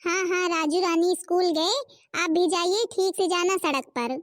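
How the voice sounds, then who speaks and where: A caring, anxious young daughter-in-law. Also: female voice, extremely high pitch, fairly even intonation, measured pace, no room sound, clean studio sound, far from the mic. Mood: fussing. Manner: earnest and reassuring. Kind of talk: Hindi cartoon voice acting.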